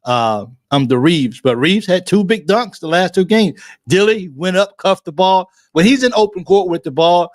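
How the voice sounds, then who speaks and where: A man talks on a fan livestream in a fairly high, eager voice. He is emotional and effusive, repeats himself and keeps restarting phrases. The sound is close and dry, with no room around it. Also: lively intonation, moderate pace, dry recording. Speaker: livestream sports show host. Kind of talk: excited casual fan commentary.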